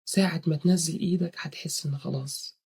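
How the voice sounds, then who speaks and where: Young egyptian man, husky, fast-paced talk, earnest advice, swears oaths. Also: fairly high pitch, fairly even intonation, darkish tone. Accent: Egyptian Arabic. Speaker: religious advice speaker. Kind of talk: casual spoken advice to viewers.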